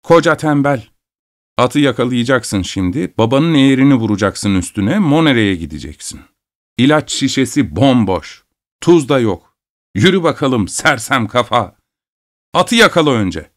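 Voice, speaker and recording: A man voicing a stern, sharp-tongued farm mother who scolds and gives orders. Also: medium pitch, very animated, moderate pace, natural voice. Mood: scolding. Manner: scolding, commanding.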